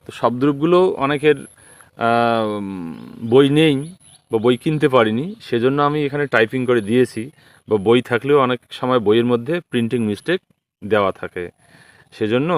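A man's voice: medium pitch, no echo. Bengali accent guy teaching a lesson, patient, step by step, mid voice, dry close sound. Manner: patient, explains step by step and recites declensions slowly. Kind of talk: exam-prep lesson over typed slides.

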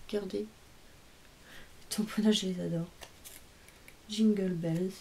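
A woman hosts a homemade craft video, gushing in a casual, chatty way as she shows off each card and stamp. Her voice is soft and mellow. A faint hiss runs under the home recording. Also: mid-range voice, fairly even intonation. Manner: chatty, gushing over each item, reads English phrases haltingly. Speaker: craft channel host opening mail. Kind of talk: casual unboxing chat.

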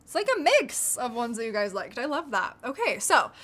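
A woman's voice: a little high, big pitch swings, normal speed, fairly bright tone. A young American woman casually chatting on a livestream, bubbly and reading out viewer comments. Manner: bubbly, reads out chat comments. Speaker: YouTuber hosting a livestream.

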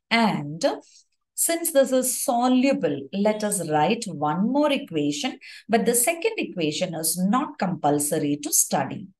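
A woman teaching an exam-focused chemistry lesson, dictating slowly and repeating phrases so students can write notes, with small fillers and self-corrections. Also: mid-range voice, a little mellow, poor audio. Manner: slow, deliberate dictation with repeated phrases for note-taking.

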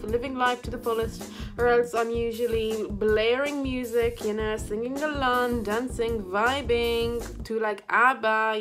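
Goofy, high-voiced Irish young woman vlogging. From Ireland. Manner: chatty, goofy, rambling, bursts into loud silly outbursts. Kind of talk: casual makeup vlog chat. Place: bedroom.

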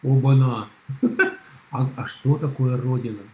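A middle-aged man argues over a video call from a room at home. His voice sits at an ordinary pitch, and his replies come blunt, scornful and dismissive. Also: measured pace, dark tone, rough recording. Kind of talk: heated casual argument.

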